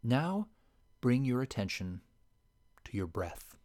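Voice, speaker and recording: A man leading a guided meditation in a soft, slow and soothing voice that sometimes sinks to a whisper. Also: mid-range voice, sing-song.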